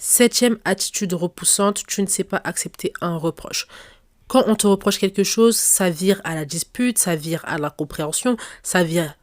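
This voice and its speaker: A woman's voice: on the low side, moderate pace, no room sound. Woman podcast host, young adult, direct and emphatic delivery, dry close sound. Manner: direct, addresses listener as tu and vous, emphatic. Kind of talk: advice podcast monologue.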